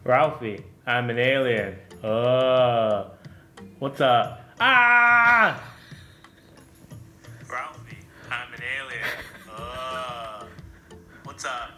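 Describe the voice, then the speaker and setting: A man's voice: medium pitch, lively intonation, extremely slow, pauses often, pushed and bright, faint music behind, exaggerated voice. A man putting on a silly alien voice, playful and goofy, with a scream.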